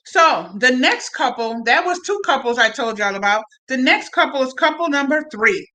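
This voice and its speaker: High, bright-voiced chatty woman streamer. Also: lively intonation, normal speed, rough recording. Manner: chatty, slangy, repeats words, talks to viewers. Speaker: live-stream host. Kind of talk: casual reality-TV recap chat.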